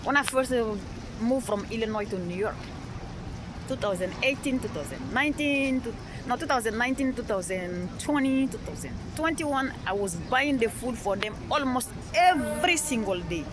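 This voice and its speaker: On a busy city street, a woman from Mali with a slightly high, expressive voice tells a rambling personal story at a normal pace. As a street interviewee she repeats herself insistently and keeps checking in with "all right?" The noisy outdoor recording is full of traffic and street sounds.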